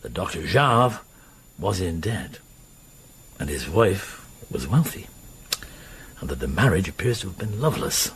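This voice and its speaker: Patient police inspector, low voice that moves around a lot, hesitant and probing, radio drama, noisy recording. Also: male voice, big pitch swings, measured pace, long pauses, fairly bright tone, full character voice. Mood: measured, deliberate. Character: patient, perceptive male police inspector, mature and unhurried.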